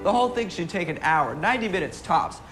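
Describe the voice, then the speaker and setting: A flamboyant socialite, gushing, sing-song, lively swoops, loud music under it. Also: female voice, lowish voice, fast. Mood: theatrical.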